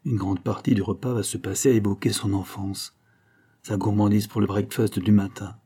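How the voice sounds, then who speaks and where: Male narrator, low and husky, calm measured novel reading. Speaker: audiobook narrator. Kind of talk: scripted first-person novel narration.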